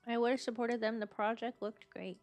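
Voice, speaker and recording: A woman's voice: fairly high pitch, steady tone, brisk, darkish tone, faint music behind. Playful woman streamer reading aloud. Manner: reads narration aloud, playful asides. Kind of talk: casual game playthrough.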